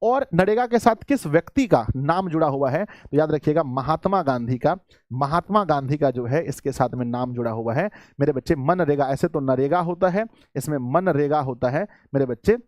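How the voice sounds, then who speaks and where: A man teaches a live online exam-prep class, urging his students along and repeating key answers. His voice sits fairly high for a man. The sound is close and dry, with no room around it. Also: lively intonation, moderate pace, darkish tone, no room sound. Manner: coaxing, repetitive, addresses students as children.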